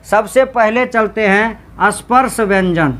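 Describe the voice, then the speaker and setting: A man teaching a class, quizzing students with repeated questions and drawing out sounds slowly to demonstrate them. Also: high-pitched, a bit bright, a little hiss or hum. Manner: slow, drawn-out sound demonstrations. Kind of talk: classroom grammar lecture.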